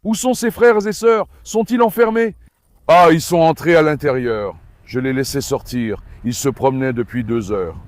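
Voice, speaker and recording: A man's voice: on the high side, normal speed, no room sound. A man hosting a casual dog vlog, talking to his dogs and to the camera, coaxing and affectionate with the animals and pleading with viewers. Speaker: dog breeder and vlog host.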